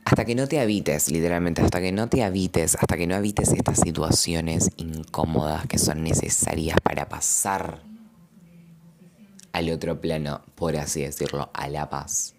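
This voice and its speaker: Deep gravelly young Argentine man. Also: moderate pace, background noise. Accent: Rioplatense Spanish. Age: young adult. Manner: rambling, reflective, uses slang and filler; gestures and moves while talking. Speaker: podcast host. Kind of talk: casual confessional monologue.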